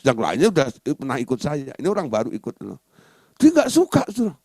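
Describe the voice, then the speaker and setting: Animated male pastor preaching playfully. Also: medium pitch, fast talker, no room sound. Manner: animated, playful, often asks "right?" and "yes". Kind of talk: lively teaching sermon.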